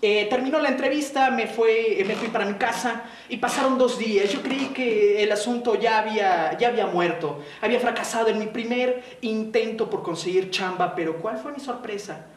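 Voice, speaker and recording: A man from Mexico's southern coast with a Mexican accent, telling a story to young people with playful, dramatic pitch swings and slowdowns. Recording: roomy, distant mic, faint noise.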